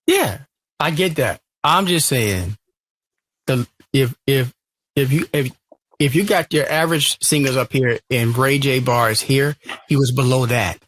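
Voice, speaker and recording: A man's voice: mid-range voice, measured pace, a bit bright. A man co-hosting a casual chat podcast, arguing his point insistently. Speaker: podcast co-host.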